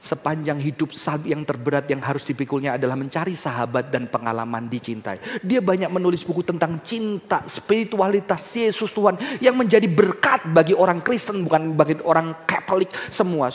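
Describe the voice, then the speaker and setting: Preaching in a large hall, this pastor talks a little fast and speaks directly to his congregation. His delivery swings from quiet, low stretches to loud, high outbursts of emphasis.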